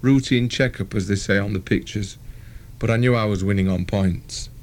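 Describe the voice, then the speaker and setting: Brief: low-voiced reader, wry and conversational, first-person narration. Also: male voice, normal speed. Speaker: audiobook reader.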